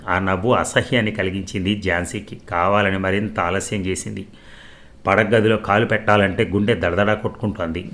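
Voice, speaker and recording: A man narrating a novel as storyteller, in a steady, measured reading. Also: lowish voice.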